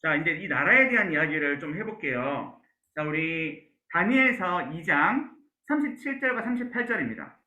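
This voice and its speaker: A man's voice: fairly high pitch, very animated, moderate pace, bright, forceful tone. A male pastor giving an online Bible class, peppering his talk with "so" and "yes" fillers and asking the class questions. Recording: roomy, dull lo-fi sound.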